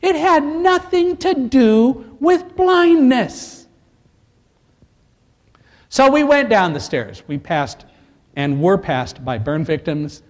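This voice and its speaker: A man telling a personal survival story to an audience, earnest and animated, building to loud emphasis. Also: extremely high pitch, slow pace, long pauses. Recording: echoey hall reverb.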